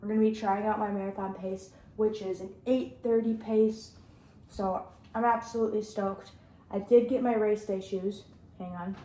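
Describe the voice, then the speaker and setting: A woman's voice: medium pitch, fairly even intonation, moderate pace, mellow. Chatty young woman in an echoey room. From Upper Midwest. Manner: chatty, rambling, upbeat; chewing gum while talking. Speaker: running vlogger. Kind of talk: casual vlog chat.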